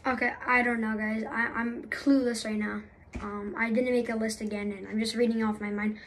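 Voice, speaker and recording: A young woman chats off the cuff as a gaming YouTuber, rambling, restarting and apologizing as she goes. Her voice sits a little high, with a faint hiss of room noise behind her. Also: level tone, moderate pace, a bit bright, rough recording. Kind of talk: unscripted casual commentary.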